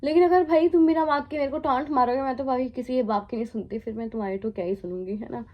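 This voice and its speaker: Fast and high-pitched, a young Indian woman in her twenties tells a storytime vlog from her life as a flight attendant, captured on dull audio. She mixes English into casual Hindi, keeping things chatty with frequent laughs and asides.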